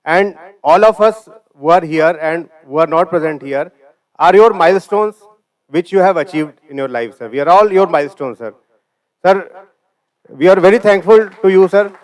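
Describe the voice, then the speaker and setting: A man's voice: high-pitched, moderate pace. A man in his forties with an Indian accent, an alumnus in the audience, gives a deferential tribute and says sir after nearly every phrase.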